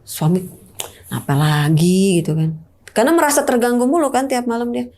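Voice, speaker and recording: A woman's voice: a little high, big pitch swings, fast, darkish tone. A woman, telling her own ghost story as a guest in a casual chat. She talks animatedly, acts out the scenes, and slips into whispers for the voices she quotes.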